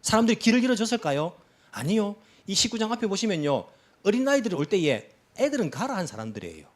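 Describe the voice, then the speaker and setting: A middle-aged male pastor preaching in church, his voice sitting a little high and swinging up and down with lively expression. He keeps asking the congregation questions and slips into quick acted-out lines of what people say. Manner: conversational preaching with rhetorical questions and acted-out quotes. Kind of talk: sermon.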